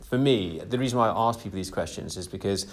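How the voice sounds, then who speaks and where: A man's voice: on the low side, fast. A man hosting a casual interview, rambling with many fillers and open praise for his guest. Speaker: podcast host.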